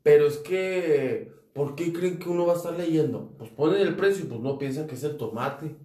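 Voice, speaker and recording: A man's voice: fairly high pitch, moderate pace, dark tone. A man with a Mexican accent telling crude, slang-heavy work stories in a casual podcast chat. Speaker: podcast co-host. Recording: echoey room, voice from a distance off the mic.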